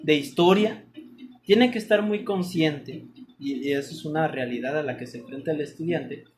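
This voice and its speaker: A woman's voice: sits low, normal speed, darkish tone, a little hiss or hum. A young woman interviewing a guest, supportive and chiming in with short agreements. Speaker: interviewer, anthropology student. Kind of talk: casual interview conversation.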